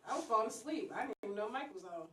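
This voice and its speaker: A woman's voice: on the high side, animated, very fast, reverberant, over a noisy crowd. A woman co-hosting a casual radio show, blunt and teasing in her banter. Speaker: radio co-host.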